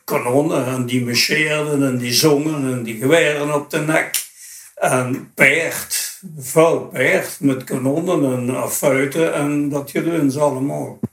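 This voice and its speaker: A man's voice: fairly high pitch, fairly even intonation, slow, a bit bright, a little hiss or hum. A man in his late eighties with a broad Dutch Limburg accent, reminiscing in a rambling, colloquial way. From Dutch Limburg, Netherlands. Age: late 80s. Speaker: interview guest. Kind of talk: informal spoken reminiscence. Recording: echoey, roomy sound.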